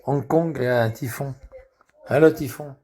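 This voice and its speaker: A man's voice: mid-range voice, moderate pace, warm tone. Guy in his 60s rambling on, crude slang, keeps repeating himself. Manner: repetitive, crude slang, thinks aloud. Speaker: social media commentator. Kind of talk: rambling casual monologue.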